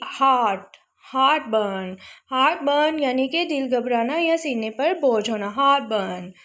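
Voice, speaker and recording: A woman teaching English vocabulary, repeating each word slowly and drawing out its pronunciation. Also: high voice. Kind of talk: casual spoken vocabulary lesson.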